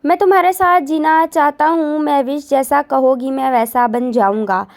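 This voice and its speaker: Brief: woman reading a pleading lovesick young man, high voice, storybook. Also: normal speed. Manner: earnest, imploring.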